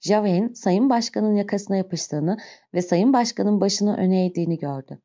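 A woman reading a classic novel aloud with steady, expressive storytelling. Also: mid-range voice, normal speed. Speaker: audiobook narrator. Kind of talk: dramatic literary narration. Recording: slightly muffled recording.

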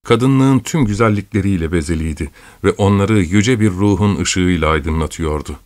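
A man narrating a classic novel in a measured, literary, unhurried manner. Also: sits low, darkish tone. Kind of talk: scripted audiobook narration.

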